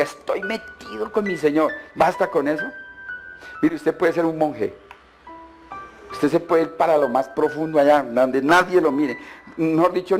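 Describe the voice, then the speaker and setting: A male pastor delivering a sermon, throwing questions at the congregation and mocking churchgoers in put-on voices. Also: on the high side.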